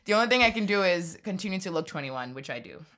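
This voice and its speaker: Bright-voiced young woman hosting a podcast. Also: on the low side, lively intonation, fast, slight background noise. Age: 20s. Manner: chatty, laughs often, jokey. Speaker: podcast host. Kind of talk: casual chat.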